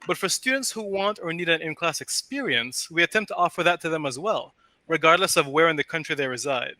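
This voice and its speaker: A man hosting an academic podcast, giving a formal, measured introduction and asking his guest questions. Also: on the high side, animated, pushed and bright, no echo. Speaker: podcast host, professor. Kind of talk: scripted podcast introduction and interviewing.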